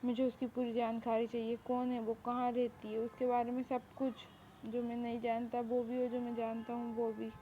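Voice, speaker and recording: A woman's voice: fairly high pitch, completely flat delivery, normal speed, lightly acted. A woman voicing a harsh young male mafia boss who gives orders in a commanding, scolding way, in a fan audio drama. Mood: troubled. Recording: tinny phone-like recording, faint hiss.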